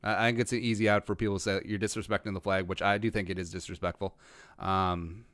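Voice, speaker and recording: The rural Minnesota livestream host goes through chat questions quickly, his voice on the low side, flat in delivery and fairly bright, in a dry recording. As a podcast host he rambles, restarts often and leans on dry, self-aware humor.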